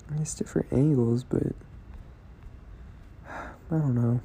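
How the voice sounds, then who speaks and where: A young man drifts through a casual video diary in a slow, rambling drawl, sounding stoned. His low voice has a gravelly fry and a dark, mellow tone. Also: steady tone, a little hiss or hum. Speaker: vlogger.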